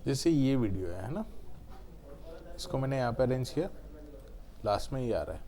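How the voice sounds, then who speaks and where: A man's voice: medium pitch, sing-song, moderate pace, warm tone. Man walking through editing steps. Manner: explains step by step, often adds the tag question "है ना"; mixes English technical terms into Hindi. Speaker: video editing tutor. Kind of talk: screen-recorded software tutorial.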